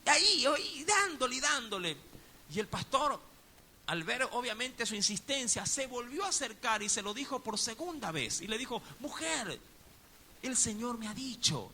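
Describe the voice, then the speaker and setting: Ecuadorian male pastor, bright piercing tone, dramatic sermon storytelling from hush to shout. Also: extremely high pitch, slight background noise. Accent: Ecuadorian Spanish.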